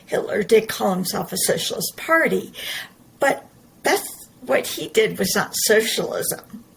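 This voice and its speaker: A woman's voice: medium pitch, animated, unhurried, creaky, a little hiss or hum, poor audio. A middle-aged woman, talking earnestly and emphatically in a personal monologue, often repeating her words. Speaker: podcast host.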